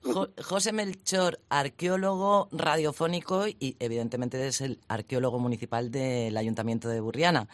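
A man's voice: medium pitch, moderate pace, hardly any pauses, no echo. A man hosting a radio show, interviewing guests in a friendly conversational way in the studio. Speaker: radio host.

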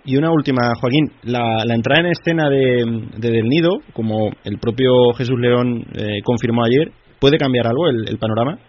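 Spanish radio host with a measured, hesitant delivery. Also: male voice, medium pitch, dry recording, muffled recording. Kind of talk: radio sports interview.

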